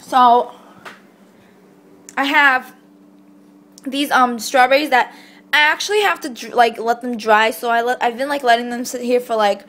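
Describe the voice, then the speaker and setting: A woman's voice: on the high side, fairly even intonation, measured pace, long pauses, a bit bright. A teenage girl chatting casually in a daily vlog, rambling with lots of filler words. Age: teens. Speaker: vlogger.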